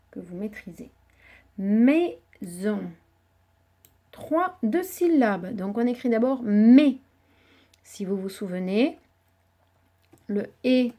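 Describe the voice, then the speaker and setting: A woman primary school teacher, giving a slow, patient dictation lesson to young children, spelling words syllable by syllable. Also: mid-range voice, mellow.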